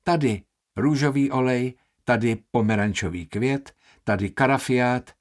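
A man voicing a strange young perfume apprentice with a croaking, creaky voice, speaking pushily and insistently. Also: medium pitch, lightly acted. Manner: pushy, insistent repetition.

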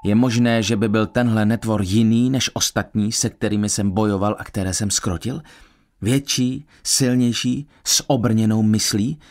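A man reading a novel aloud as an expressive first-person audiobook narrator. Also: on the low side. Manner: expressive storytelling.

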